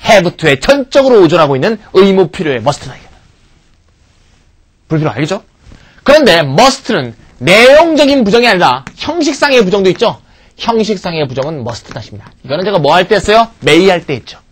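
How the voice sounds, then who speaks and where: A middle-aged man teaching English grammar in a recorded video lecture, animated and playfully teasing, asking rhetorical questions and answering them himself. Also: high-pitched, normal speed.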